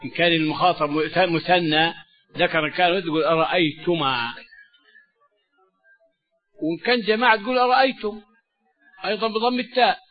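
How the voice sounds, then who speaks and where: High-voiced man teaching. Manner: measured, repeats and restates key words. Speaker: Quran teacher. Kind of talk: explanatory religious lesson. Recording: dull lo-fi recording with faint music.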